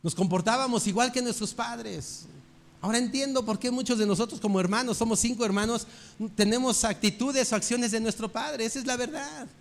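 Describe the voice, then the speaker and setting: A man's voice: very high voice, fairly quick, creaky. An older man, preaching a sermon with earnest rhetorical questions. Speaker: pastor.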